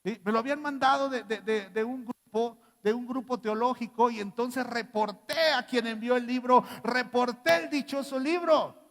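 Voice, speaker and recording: A Mexican-accented male pastor preaches in a high voice, animated and full of rhetorical questions. His voice rings with a long church-hall reverb. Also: moderate pace, few pauses. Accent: Mexican Spanish. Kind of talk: sermon.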